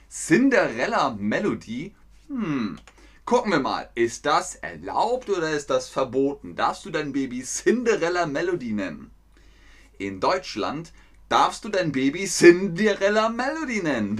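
A man giving a playful live-stream lesson to his chat, speaking slowly and clearly. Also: a little high, fairly bright tone. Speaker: German teacher streaming to chat.

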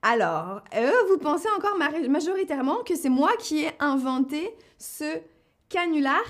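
A woman hosting a live lesson, speaking slowly and clearly and putting questions to her viewers. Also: sits high. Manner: slow and deliberate, asks the audience questions. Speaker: host of a live French-learning stream.

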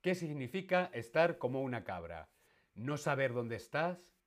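A man's voice: mid-range voice, very animated, a little slow. A man with a Spain Spanish accent teaching a live-streamed language lesson, playful and quizzing his viewers, repeating each question. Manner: makes animal noises in jest.

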